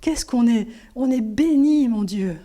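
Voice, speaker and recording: A middle-aged woman preaching in a church, telling her testimony with lively storyteller energy. Her voice is warm and mellow, dipping into near-whispers and climbing into bright exclamations. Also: on the high side, unhurried. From Switzerland. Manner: animated storytelling, drops to whispers and rises to exclamations. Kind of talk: sermon with personal testimony.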